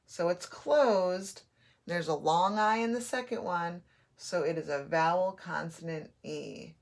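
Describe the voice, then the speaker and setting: A woman's voice: lowish voice, measured pace. A woman teaching a phonics and spelling lesson, patiently sounding out letters and words.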